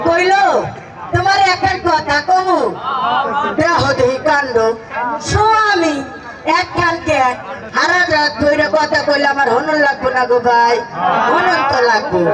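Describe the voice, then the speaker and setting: A hammy, theatrical village widow delivers a folk-stage monologue in a rural Bangladeshi dialect. The voice is extremely high and plaintive with a cheeky edge. It echoes from a distant mic outdoors, with loud music and crowd noise around it. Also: male voice. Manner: hammy, theatrical, drawn-out rhetorical appeals.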